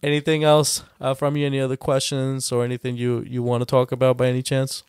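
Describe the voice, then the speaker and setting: A man's voice: medium pitch, completely flat delivery, fast talker, a little mellow, clean tone, dry recording, studio quality. A man whose first language is Spanish, hosting a podcast in a casual, easygoing chat and now and then dropping in Spanish phrases. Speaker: podcast host.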